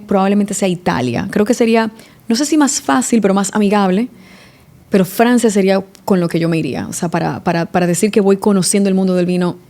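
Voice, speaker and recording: Mellow-voiced Dominican sommelier woman. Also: mid-range voice. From Dominican Republic. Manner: reflective, restarts often, eh fillers. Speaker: sommelier guest. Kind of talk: casual podcast interview.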